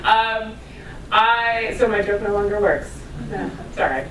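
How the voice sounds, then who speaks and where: A New York woman in her thirties gives a conversational, self-deprecating lecture to a live audience in a lecture room, full of asides and laughs. Her medium-pitched, slightly bright voice is unhurried. The mic is distant, so she sounds far off in an echoey room, with a little hiss or hum.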